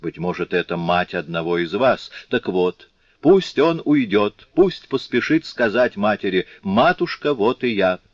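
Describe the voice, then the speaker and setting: A man's voice: on the low side, sing-song, unhurried, breathy edge, no echo, heavily acted. A man voicing a compassionate male revolutionary who earnestly pleads with his comrades, in a dull, lo-fi recording. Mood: pleading.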